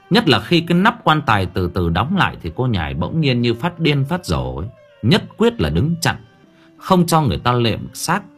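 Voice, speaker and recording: Man, audiobook narrator, expressive storytelling, lively pitch, husky, faint background music. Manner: expressive, dramatic reading.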